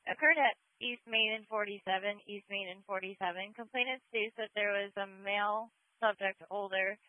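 Female dispatcher on a thin, tinny police radio line, crisp and to the point. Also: medium pitch, no echo. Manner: brisk, clipped radio codes. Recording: narrow-band dry radio transmission.

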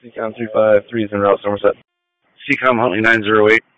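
A man on a fire unit's two-way radio, giving quick, terse call-sign messages to dispatch. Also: fairly low pitch, level tone, a bit bright, no room sound, highs cut off. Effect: two-way radio transmission. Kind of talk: clipped radio dispatch traffic. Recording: band-limited radio audio.

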